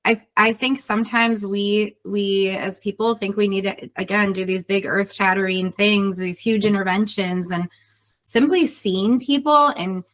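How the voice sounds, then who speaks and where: Her voice is mid-range, steady, and fairly bright, and she talks a little slowly. The speaker, a middle-aged leadership consultant and podcast co-host, is being interviewed conversationally and earnestly explains her points through everyday example questions.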